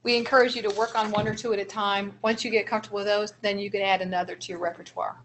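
A woman giving a seminar presentation on child behavior, acting out short teacher examples in a lively way. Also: medium pitch, fast, a little hiss or hum. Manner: animated, acts out teacher examples. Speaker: early childhood trainer.

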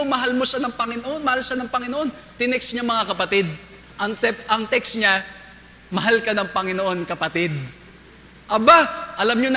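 High, bright-voiced male pastor preaching. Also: big-room sound, slight background noise. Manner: storytelling preacher, often calls out to the congregation. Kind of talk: sermon. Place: large church sanctuary.

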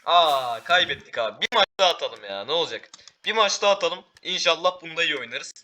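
A teenage boy giving excitable live commentary while playing a game, calling out to teammates and viewers. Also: fairly high pitch, brisk. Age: teens. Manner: excitable, talks to teammates and viewers, frequent exclamations. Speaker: gaming YouTuber.

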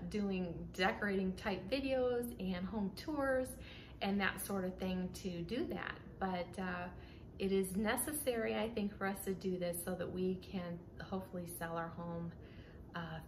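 A woman's voice: mid-range voice, slight background noise. A woman, chatting to camera about her home in a casual, rambling way full of fillers and restarts. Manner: chatty, many fillers and restarts, says "y'all". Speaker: home decor vlogger. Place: home interior, indoors. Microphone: camera framed at chest height, close.

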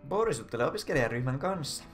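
A man reads a story game aloud and keeps breaking off to joke about it. His voice swings widely in pitch and climbs high whenever he voices a character. A faint guitar plays underneath. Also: animated. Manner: reads game text then jokes about it, sometimes pitching up for character lines. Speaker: let's play host. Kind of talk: reading a story game aloud with joking commentary.

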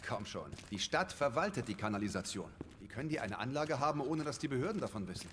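An actor playing a young rookie cop in a dubbed video game, terse and wry, cursing when startled. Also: male voice, mid-range voice, expressive, fast, noisy background, close to an everyday voice. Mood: dogged.

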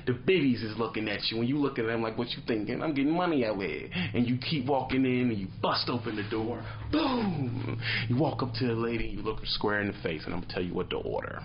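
Speaking fast at a medium pitch, a trucker in his thirties chats casually to his camera in a small dark room, telling slangy stories and acting out bits of them. The sound is lo-fi, carrying a little hiss or hum.

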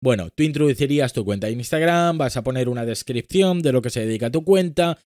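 A man's voice: mid-range voice, expressive, fast, darkish tone, no room sound. Explanatory man with a dry close sound. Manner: explanatory, addresses viewer directly, gestures with hands. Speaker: social media tutorial host. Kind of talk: screen-recorded tutorial walkthrough. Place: small home studio room. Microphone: studio microphone on boom arm.

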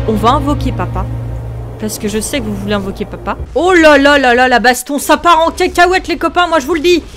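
A young woman hosting a video game, commenting excitably, often shrieking and laughing. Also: fairly high pitch, slight background noise. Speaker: gaming video host.

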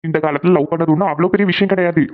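A woman voicing a calm, sensible elder brother in a cartoon, giving steady advice. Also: fairly low pitch, racing, phone-quality sound, close to an everyday voice. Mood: advising. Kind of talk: cartoon voice acting.

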